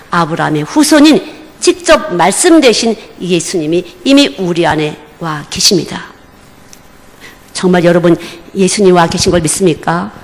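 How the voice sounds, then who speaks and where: A woman missionary preaching a sermon at a church service, with emphatic, repeated short phrases. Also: on the low side. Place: church during a Wednesday service. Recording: reverberant church hall.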